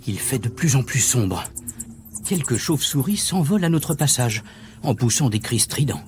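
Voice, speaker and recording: A man reading a children's story aloud as narrator, in an expressive, animated way. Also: medium pitch, normal speed, slight background noise.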